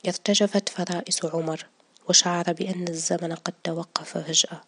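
A woman reading a story aloud in a soft, partly whispered way. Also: on the low side, fairly even intonation, brisk, a little hiss or hum. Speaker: narrator. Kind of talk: scripted story narration.

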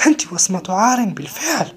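A woman voicing a bitter young male orphan who shouts reproaches, her voice pitched up and loud. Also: very animated, fast, close to an everyday voice. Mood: bitter shouting.

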